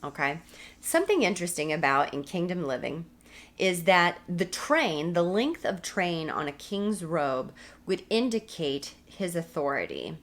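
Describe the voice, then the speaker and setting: Teaching a recorded women's Bible study, an American woman speaks unhurriedly in a slightly low voice with big pitch swings. Earnest throughout, she hammers home each point by repeating key phrases.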